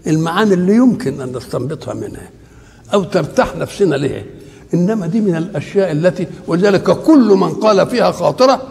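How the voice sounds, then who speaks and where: Gravelly Egyptian man teaching in a hall. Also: sits high, lively intonation, fast, a little mellow. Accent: Egyptian Arabic. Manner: asks the listeners rhetorical questions for them to complete. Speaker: Quran teacher. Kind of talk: religious lecture on Quran commentary. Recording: long hall reverb.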